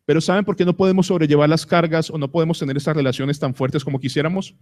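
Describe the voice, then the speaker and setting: A man with a Colombian accent, a pastor preaching a sermon at a church service, asking the congregation questions and slowing down to stress words. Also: a little high, steady tone, a little mellow. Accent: Colombian Spanish.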